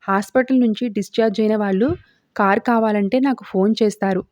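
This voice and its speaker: A blunt young cab driver who suspects everyone, as a woman narrator reads his lines. The delivery is mellow, in a dry, dull recording. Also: mid-range voice, steady tone, a little fast, no room sound, natural voice. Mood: gruff.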